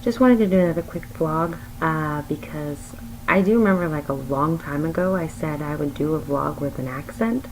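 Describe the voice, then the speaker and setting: A woman's voice: sits low, normal speed, a little hiss or hum, low-quality recording. A woman vlogger giving a chatty, light intro to her video. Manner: chatty, light, a bit giggly. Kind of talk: casual vlog intro.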